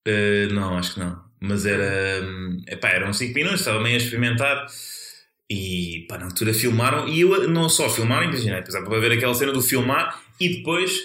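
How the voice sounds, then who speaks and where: A man's voice: on the low side, fast, sharp tone. A man with a European Portuguese accent, a comedian rambling in casual podcast chat, full of slang fillers. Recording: roomy echo.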